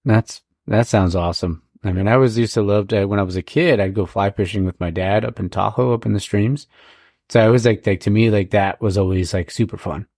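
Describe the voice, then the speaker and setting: A man's voice: lowish voice, fairly even intonation, brisk, darkish tone, no room sound, studio quality. A man hosting a podcast in casual chat, rambling and enthusiastic, full of fillers. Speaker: podcast host.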